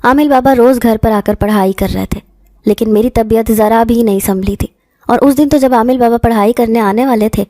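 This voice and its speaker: A woman narrating a first-person horror story in a steady, dramatic storytelling manner. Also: a little high, a little hiss or hum.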